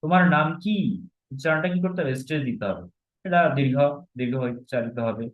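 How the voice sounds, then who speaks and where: A man's voice: medium pitch, animated, quick pace. Guy teaching grammar online, patient, keeps asking the class questions, kinda dull lo-fi sound. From Bangladesh. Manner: patient, explains step by step with rhetorical questions. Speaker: Sanskrit teacher. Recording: slightly dull, lo-fi recording.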